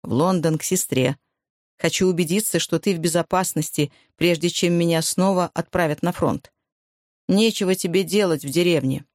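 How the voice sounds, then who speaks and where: A narrator voicing a gruff, domineering soldier husband who gives blunt orders in a dry recording. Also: mid-range voice, moderate pace, no room sound, close to an everyday voice.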